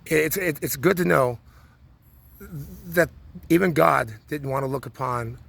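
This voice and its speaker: Gravelly rambling man. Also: on the high side, measured pace, a bit bright. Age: 40s. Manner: rambling, many restarts and repeated words. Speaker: vlogger. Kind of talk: rambling personal monologue.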